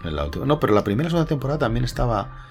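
A man's voice: medium pitch, sing-song, rapid-fire, soft background music. A man, co-hosting a casual podcast chat about comics and giving blunt, opinionated verdicts. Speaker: podcast co-host.

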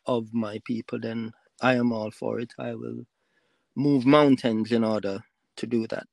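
Jamaican-born man, podcast guest on a call, halting and full of fillers, mid pitch, dry recording. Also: vocal fry, no room sound. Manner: halting, with many fillers and restarts. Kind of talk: casual interview talk.

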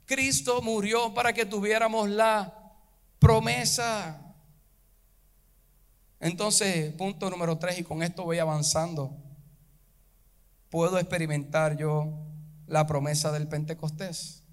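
A man's voice: sits high, steady tone, takes it slowly, long pauses. A male pastor preaching a fervent sermon to his congregation, rising into chanted preaching at the peaks. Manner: addresses the congregation directly.

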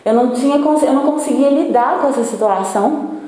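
A Brazilian woman in her forties, speaking as a patient, giving a halting personal account full of restarts. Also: high voice, warm tone, heavy reverb, low-quality recording. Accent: Brazilian Portuguese. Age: 40s. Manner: halting, many restarts and self-corrections.

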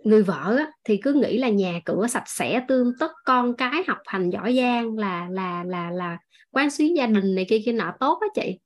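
A woman's voice: medium pitch, animated, moderate pace. A woman with a Southern Vietnamese accent teaching a class in a chatty style, laughing often and speaking to her listeners as family. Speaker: course instructor. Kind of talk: online class lecture with storytelling.

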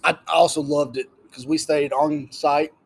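A man's voice: a little high, steady tone, measured pace, gravelly, husky. A married man chatting casually with friends, telling a story with enthusiasm. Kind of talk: casual chat.

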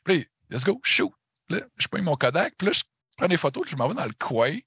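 Québécois man, middle-aged, husky and lively, dry close sound, slangy storyteller. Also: a little high, quick pace, no room sound. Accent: Québécois French. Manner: animated, slangy, peppered with English and swearing. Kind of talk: casual storytelling chat.

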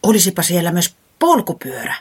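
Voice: medium pitch, huge pitch swings, breathy edge, exaggerated voice. A storyteller voicing a cheerful, dreamy young bunny in a children's storybook, full of wonder. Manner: joyful, wondering.

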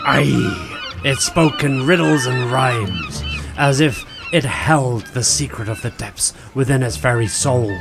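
A man's voice: medium pitch, slow, music in the background. A man voicing a grizzled old male sea captain who loves strong liquor, growling like a pirate. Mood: gruff. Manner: gruff pirate-style growls and bellowing.

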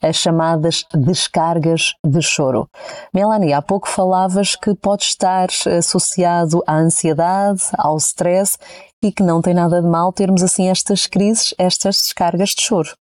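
A woman's voice: on the low side, fairly even intonation, measured pace, a little mellow. A woman with a European Portuguese accent hosting a radio talk show, upbeat and friendly as she introduces her guest.

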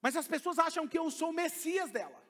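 A man's voice: very high-pitched, animated, brisk, a bit bright. A middle-aged man with a Brazilian Portuguese accent, preaching a sermon and speaking directly to the congregation with emphasis. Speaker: pastor. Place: church hall. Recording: long hall reverb.

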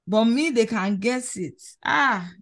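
A young Nigerian woman co-hosts a podcast, chatting casually and with lots of animation. Her pitch and volume rise and fall quickly.

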